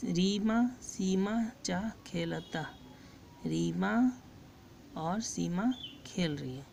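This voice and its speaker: Slow, gravelly-voiced woman teaching a lesson. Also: lowish voice, darkish tone, slight background noise. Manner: reads each phrase, then explains it slowly and patiently. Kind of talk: slow line-by-line Sanskrit lesson with Hindi translation.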